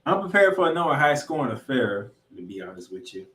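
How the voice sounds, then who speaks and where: A sports podcast host, male and of medium pitch, previews football in a very animated, brisk, announcer-like way. He addresses the audience as ladies and gentlemen, and his recording has roomy echo with distance from the mic.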